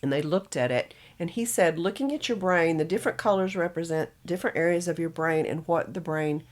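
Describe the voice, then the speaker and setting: Woman, Southern US accent, podcast co-host, casual storytelling, lowish voice. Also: fairly quick. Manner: chatty storyteller, laughs often. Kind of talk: casual chat.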